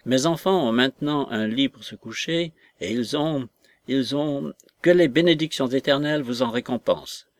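A poor father bursting with gratitude, pleading and effusive, voiced by a man reading aloud. The voice sits at a middling pitch, recorded dry and close. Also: normal speed, no room sound, lightly acted. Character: poor grateful man, overwhelmed and tearful.

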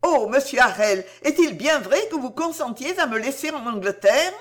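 A woman reading an audiobook, voicing an emotional, overexcited wife who speaks in high exclamations. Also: animated, moderate pace. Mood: excited, pleading. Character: overjoyed anxious married woman, emotional.

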